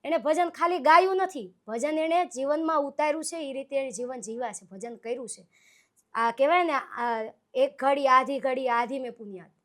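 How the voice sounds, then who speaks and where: High-voiced woman speaking earnestly. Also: moderate pace, fairly bright tone. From Gujarat, Saurashtra. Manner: earnest, heartfelt, storytelling. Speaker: guest, devotional folk singer. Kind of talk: casual interview conversation.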